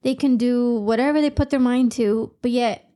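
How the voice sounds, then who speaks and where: A woman's voice: fairly high pitch, fairly even intonation, moderate pace, dark tone. A woman in her thirties co-hosting a podcast, chatting casually and animatedly, laughing often and swearing now and then. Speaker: podcast co-host. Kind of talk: casual chat.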